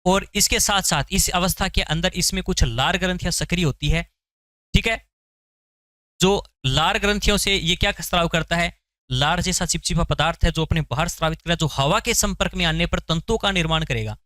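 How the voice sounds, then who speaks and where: Male tutor, question-and-answer drilling style, slightly high voice, no room echo. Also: normal speed, sharp tone. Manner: asks questions then answers them; repeats key terms for memorizing. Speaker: science teacher. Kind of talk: exam-prep lecture.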